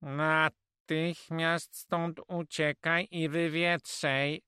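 A man's voice: little pitch movement, extremely slow, bright, forceful tone, clear, resonant tone, no room sound, studio quality, heavily acted. A man voicing a cautious, wry Catalan male companion who politely warns his friend in an audiobook. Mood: wry warning. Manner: high, polite and warning, calls him "kawalero". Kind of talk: audiobook character voice.

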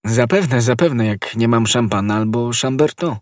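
A man's voice: mid-range voice, expressive, normal speed, dry recording, studio quality, lightly acted. A man voicing a jovial, boisterous musketeer who talks in a hearty, carefree way. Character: jovial boisterous male musketeer fond of wine.

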